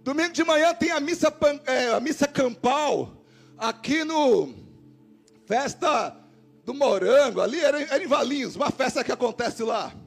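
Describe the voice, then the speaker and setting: High-voiced Brazilian pastor preaching. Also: male voice, normal speed, creaky, soft background music. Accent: Brazilian Portuguese. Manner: animated preacher voicing quoted dialogue. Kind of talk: sermon with storytelling. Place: church service.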